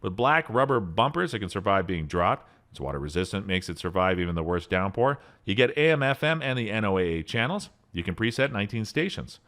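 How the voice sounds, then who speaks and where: A fairly low-voiced man narrates a voice-over about emergency radios, brisk and with few pauses. He reads the spec lists steadily, and his voice lifts on each product name.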